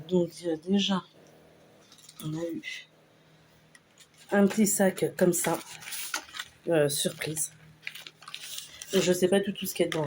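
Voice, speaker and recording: A woman casually talking through a shopping haul, unhurried and hesitant with lots of fillers. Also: lowish voice, noisy background. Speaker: vlogger showing a store haul. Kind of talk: casual haul video chat.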